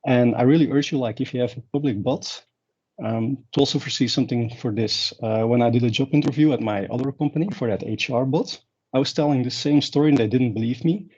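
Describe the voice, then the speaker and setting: A Belgian man whose first language is Dutch rambles through a conference talk, full of fillers and restarts. His medium-pitched voice is husky and a little mellow, and he talks fast. The audio is dull and lo-fi.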